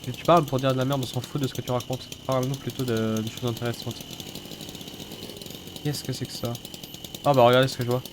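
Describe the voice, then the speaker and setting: A man's voice: mid-range voice, flat delivery, fast talker, pauses often. A man with a stuffy, sniffly nose from a cold, giving casual, sweary, mock-grumbling let's-play commentary. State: has a head cold. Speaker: gaming video host. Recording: noisy, engine and rattling mechanical game sounds. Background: game car engine and mechanical clatter.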